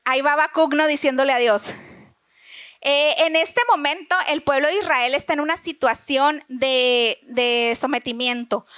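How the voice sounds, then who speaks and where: A woman's voice: high-pitched, a bit bright, no room sound. A middle-aged woman with a Mexican accent giving an earnest, conversational church talk, often tagging her sentences with a questioning "¿no?". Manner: often tags lines with a questioning "¿no?"; earnest, asks listeners rhetorical questions. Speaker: lay preacher.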